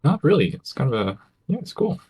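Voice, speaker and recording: A man's voice: a little high, sing-song, brisk, a little mellow. Man giving short casual replies. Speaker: podcast co-host. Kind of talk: casual tabletop game discussion.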